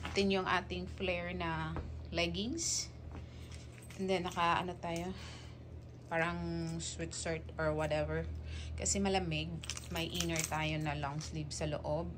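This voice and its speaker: A woman's voice: mid-range voice, slight background noise. A young adult Filipino woman vlogging casually, talking to her pets and viewers in a mix of Tagalog and English. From Philippines. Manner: coos and scolds pets in baby talk, switching between Tagalog and English. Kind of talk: casual vlog chat.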